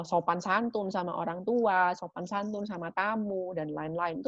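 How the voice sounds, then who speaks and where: A woman's voice: on the low side, no echo. A woman giving a parenting talk. She explains patiently and often closes her points with a short tag question. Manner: warm teaching tone with frequent "gitu ya" tags. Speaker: parenting speaker. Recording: dry, dull lo-fi recording.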